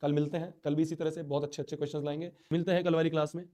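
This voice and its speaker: A man's voice: fairly high pitch, level tone, very fast, dark tone. A man teaching a live online class, speaking in a hurt, earnest, pleading way while he has a sore throat and a stuffy nose.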